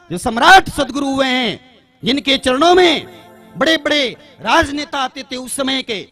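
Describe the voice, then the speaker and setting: A man addressing a religious gathering in a formal public talk, reading out a long list of names in slow, repeated phrasing. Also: extremely high pitch, sharp tone.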